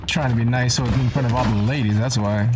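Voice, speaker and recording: A man's voice: medium pitch, fairly even intonation, normal speed, loud music behind the voice. A man streaming a shooter game, chatting casually with his squad and joking with a laugh. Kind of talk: casual gaming chat.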